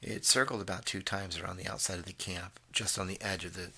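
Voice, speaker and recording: Deep flat-voiced man telling a story. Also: a little hiss or hum. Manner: halting, with fillers and throat clearing. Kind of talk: first-person story narration.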